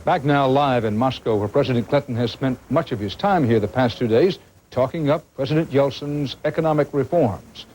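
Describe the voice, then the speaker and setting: A man anchoring the news and delivering a live report in a measured broadcast style. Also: mid-range voice, darkish tone, slight background noise, rough recording.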